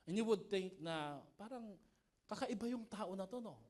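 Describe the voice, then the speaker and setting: A man preaching a sermon in a high, very lively voice. He is animated and jokey, and keeps throwing questions out to the congregation. He sounds like a pastor speaking at a live church service. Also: moderate pace.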